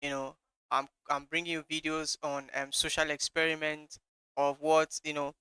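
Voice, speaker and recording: Male reaction host, casual, full of fillers; bright, clean close-mic sound. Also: on the high side, little pitch movement, clear, resonant tone, no room sound, rough recording. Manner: loose, halting delivery with many fillers. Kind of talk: casual commentary to viewers.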